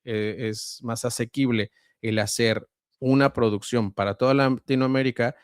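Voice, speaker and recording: A man with a central Mexican accent, a voice-over artist and guest, explaining at a measured pace with frequent hesitations. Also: medium pitch, fairly even intonation, smooth, dry recording, clean studio sound. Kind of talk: conversational interview answers.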